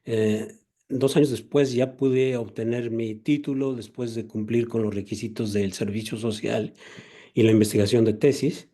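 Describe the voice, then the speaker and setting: A man's voice: medium pitch, fairly even intonation, normal speed, mellow. An older man, recounting his veterinary career as an interview guest in a courteous, methodical way.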